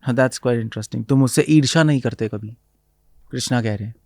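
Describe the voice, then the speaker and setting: A man's voice: medium pitch, moderate pace, darkish tone, no echo. A man who is a spiritual teacher, explaining scripture in casual conversation, switching between Hindi and English and quoting Sanskrit verses. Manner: mixes Hindi and English, quotes Sanskrit verses, laughs often.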